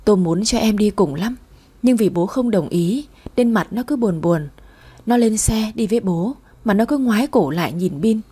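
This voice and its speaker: A woman narrating a first-person family story in a soft, sorrowful way. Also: medium pitch, lively intonation, moderate pace, husky.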